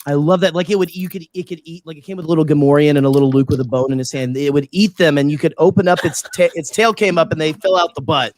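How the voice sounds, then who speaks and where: A man co-hosting a casual recap podcast, excitable and rambling, restarting his sentences. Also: a little high, quick pace, few pauses. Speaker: podcast co-host. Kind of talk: casual chat.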